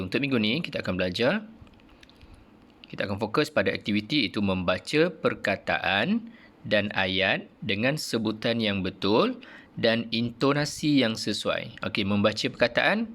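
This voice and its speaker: A male primary school teacher with a Malaysian Malay accent, giving an online lesson and saying each word slowly and clearly for pupils to repeat. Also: lowish voice. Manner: repeats words slowly and loudly for pupils to copy.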